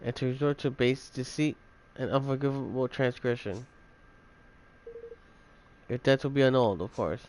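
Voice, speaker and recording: A man voicing a pompous, scheming master of a gambling town in a video game, haughty and halting. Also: mid-range voice, steady tone, a little mellow, close to an everyday voice, rough recording.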